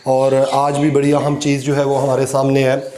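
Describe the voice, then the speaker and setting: A man teaching an online lecture, explaining slowly with many fillers and repeated examples. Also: medium pitch, completely flat delivery, warm tone, roomy sound, a little hiss or hum.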